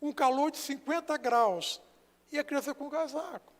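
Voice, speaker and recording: A Brazilian man preaching as a pastor, telling a story and swinging between hushed and loud passages. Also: very high voice, normal speed. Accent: Brazilian Portuguese. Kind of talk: sermon. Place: church sanctuary. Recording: long church hall reverb.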